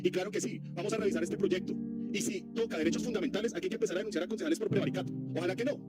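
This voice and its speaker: A man's voice: high voice, very fast, over loud music. A man from Colombia giving an impassioned, declamatory public speech with repeated phrases.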